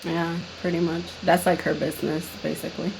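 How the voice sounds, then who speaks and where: A woman's voice: on the low side, flat delivery, brisk, creaky, background noise. A woman hosting a casual beauty vlog at home, chatty and playful. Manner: chatty, quotes relatives in playful voices. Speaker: beauty vlogger host. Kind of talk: casual chat.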